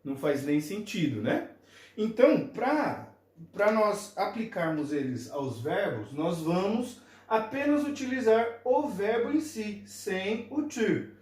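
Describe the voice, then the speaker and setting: Male teacher, high and lively voice, slow drill-style delivery, echoey classroom. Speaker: English teacher. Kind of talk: classroom lesson. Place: classroom with a board. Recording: echoey room.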